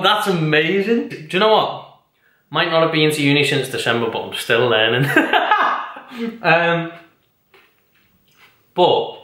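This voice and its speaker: His voice sits a little high and comes out pushed and bright. At home in an echoey room, the young man rambles through a long, casual personal vlog, self-deprecating and full of tangents.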